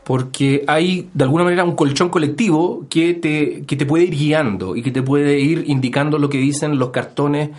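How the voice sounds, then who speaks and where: A man's voice: fairly high pitch, normal speed, few pauses, a little mellow. Chilean man explaining with many fillers. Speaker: historian guest. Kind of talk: radio interview. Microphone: studio microphone.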